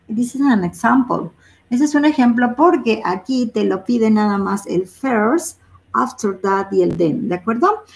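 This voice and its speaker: Gravelly-voiced woman teaching English. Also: on the high side, measured pace. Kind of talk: bilingual classroom explanation.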